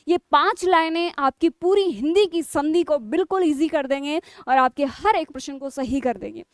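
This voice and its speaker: A woman's voice: sits high, expressive, moderate pace, dry recording, studio quality. A woman teaching a Hindi grammar lesson for exam preparation. She keeps asking her students questions and then answers them herself.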